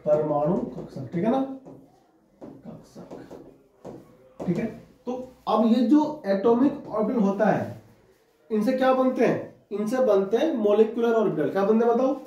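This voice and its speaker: A man's voice: very high voice, a little slow, pauses often, mellow. A man teaching a chemistry class, dictating notes and repeatedly asking students whether they have understood and copied it down. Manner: repetitive, keeps asking students to write and confirm. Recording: echoey room, from far off, dull sound.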